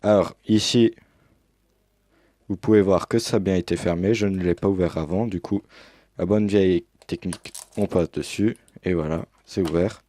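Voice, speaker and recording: A man's voice: low-pitched, fairly even intonation, normal speed, dark tone, no echo. A young man casually commenting as he unboxes a game edition, hesitant with many fillers, recorded on a headset mic. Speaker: unboxing youtuber.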